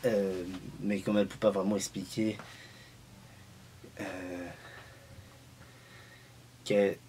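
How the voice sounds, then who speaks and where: A man's voice: low voice, little pitch movement, slow pace, dark tone, slight background noise. A man vlogging at home in a casual, joking film review, rambling and restarting his sentences often.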